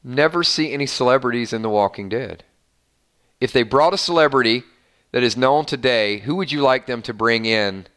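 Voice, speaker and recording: This man speaks at a moderate pace in a medium-pitched, fairly bright voice. He's running a casual fan live stream, chatting cheerfully, reading viewer comments, and rambling with lots of fillers and restarts.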